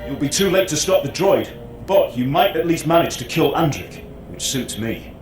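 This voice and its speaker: A man plays a pompous imperial officer in a video game, pitched on the high side. He is formal, disdainful and bitter. His voice rings in a roomy space over faint music. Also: lively intonation, normal speed, natural voice. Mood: bitter, grudging.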